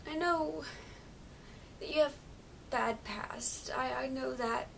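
A young woman acts out a melancholy, grieving daughter in a dramatic monologue. Her voice is high, tearful and very slow, halting between phrases. It is picked up from a little way off in a room with rumbly background noise. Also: creaky, fairly bright tone, far from the mic, full character voice. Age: young adult. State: crying. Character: grieving adult daughter, melancholy, tenderly saying goodbye. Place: small plain room, indoors.

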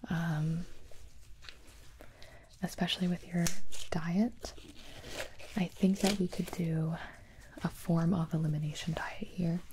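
A young woman in an ASMR role-play as a calm, attentive doctor, speaking in a soft, breathy soft voice with a gentle, reassuring manner. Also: on the low side, slow, long pauses, noisy background. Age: young adult. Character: calm, attentive female doctor examining a patient. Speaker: ASMR performer playing a doctor.

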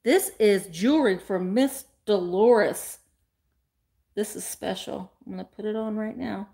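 A woman, chatting bubbly and fast to live viewers from a small room at home. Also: mid-range voice, creaky, mellow, breathy edge. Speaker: vintage reseller host. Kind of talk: casual live-stream chat.

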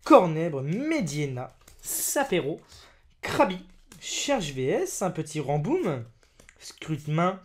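A man opening trading card packs on camera, excitable and exclamatory, chatting to his viewers as friends. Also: fairly high pitch, takes it slowly.

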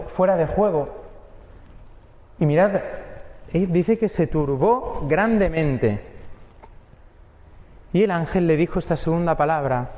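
A man's voice: fairly high pitch, dark tone, reverberant, long reverb tail, lo-fi sound. A man, a priest giving an earnest sermon that speaks straight to each listener. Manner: earnest, addresses listeners directly.

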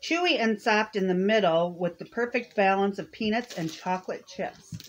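A woman with a mid-pitched voice sits on a living room couch. She reads snack descriptions aloud and follows them with short, dry verdicts. Faint hiss sits behind her. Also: expressive, normal speed. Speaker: snack box reviewer. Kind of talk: casual taste-test chat.

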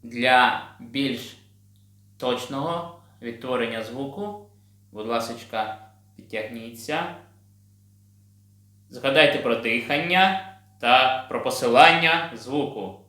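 A man from Ukraine teaching a children's singing lesson on video, patient and gentle. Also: mid-range voice, slow, pauses often. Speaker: choir teacher. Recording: roomy sound with piano.

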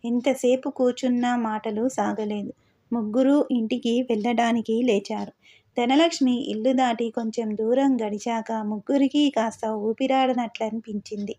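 A woman narrating a novel as an audiobook, reading in a calm, steady way. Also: fairly high pitch, normal speed.

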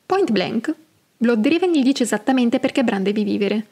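A woman hosting a podcast, narrating and explaining fantasy lore in a measured, explanatory way. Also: fairly high pitch, lively intonation, a little mellow, husky. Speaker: podcast host.

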